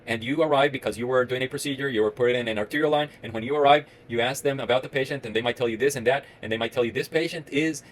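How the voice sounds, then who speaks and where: Recorded with poor audio, this mid-range voice belongs to a Costa Rican man in his thirties who speaks with a Costa Rican Spanish accent. A medical resident, he gives an earnest, rambling reflective talk to camera by himself, pausing and restarting many times.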